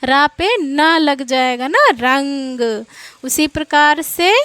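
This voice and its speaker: A woman with a high voice teaching a children's grammar lesson. She speaks slowly and patiently, repeating each example word. The sound is dry and close. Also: fairly bright tone, no echo. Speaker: Hindi teacher.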